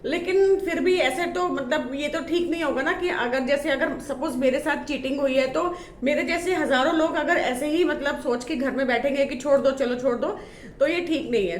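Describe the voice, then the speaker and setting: In a casual vlog to camera, a woman with a high-pitched voice chats away, full of fillers, while showing items and complaining about how poorly made they are. The sound is roomy.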